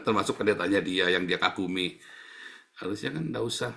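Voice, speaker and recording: Male pastor, on the low side. Blunt, scolding sermon delivery with loud bursts and muttered asides. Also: animated, normal speed, vocal fry. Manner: blunt, scolding, laughs at his own jabs, swings between loud bursts and quiet asides.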